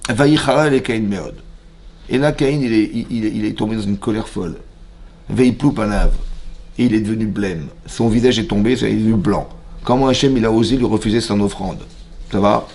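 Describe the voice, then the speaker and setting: Gravelly French rabbi teaching a class. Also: male voice, mid-range voice. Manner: lively storytelling, reads Hebrew verses then explains them, questions the audience. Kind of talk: animated Torah lesson to a mixed class. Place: synagogue hall.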